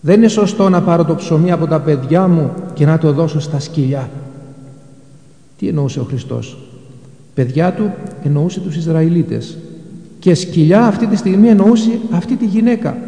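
A man's voice: fairly high pitch, dark tone. Man preaching in an echoey church. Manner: retells Gospel passages, quoting scripture in old Greek and explaining it. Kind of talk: sermon.

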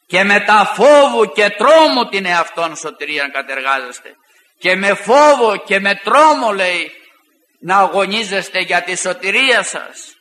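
A man preaching a fiery sermon, rising to shouts and retelling arguments with mocking asides. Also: high voice, animated. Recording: echoey hall with long reverb.

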